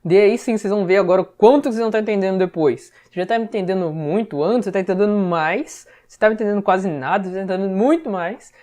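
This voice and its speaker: A woman's voice: medium pitch, fast, few pauses, warm tone. Chatty Brazilian woman teaching English. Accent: Brazilian Portuguese. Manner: chatty, repeats "tá?" to check understanding. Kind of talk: casual explanatory lesson.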